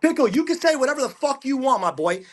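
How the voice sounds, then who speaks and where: Angry card-selling streamer guy, super high voice, cussing out chat nonstop. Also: sing-song, fast talker. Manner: profane, aggressive ranting. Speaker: live-stream card seller. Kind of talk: angry livestream rant.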